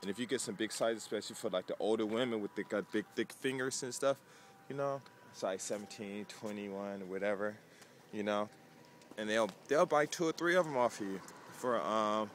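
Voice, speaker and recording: A man talks casually to the camera in a fairly low voice, rambling and filling gaps with "you know" and "um." He is recorded outdoors on a city street, with faint traffic and ambient noise behind him. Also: normal speed, fairly bright tone. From United States. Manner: conversational, rambling with many fillers. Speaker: vlogger.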